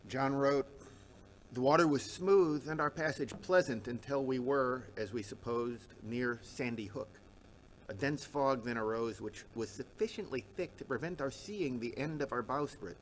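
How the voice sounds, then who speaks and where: A reluctant, anxious eighteenth-century minister tells of his troubles in formal, measured language, as a man reads him. The read is steady and plain. It sounds like a memoir read aloud. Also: medium pitch, slight background noise, close to an everyday voice, low-quality recording. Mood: recounting. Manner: measured, formal period diction. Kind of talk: reading a first-person memoir aloud.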